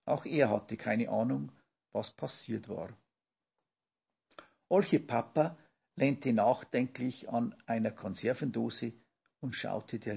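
Slow gravelly man reading a children's story. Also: mid-range voice, muffled recording. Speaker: audiobook narrator. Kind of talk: children's audiobook narration.

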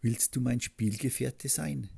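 A man doing the little boy Muck, eager and bright. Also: medium pitch, steady tone, measured pace, gravelly, breathy edge, exaggerated voice.

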